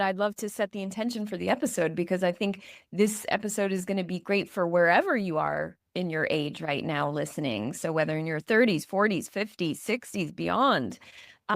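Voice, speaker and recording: A woman's voice: medium pitch, no echo, clean studio sound. A woman in her forties hosting a podcast, interviewing in an affirming, conversational way. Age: 40s. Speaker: podcast host. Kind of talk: casual interview.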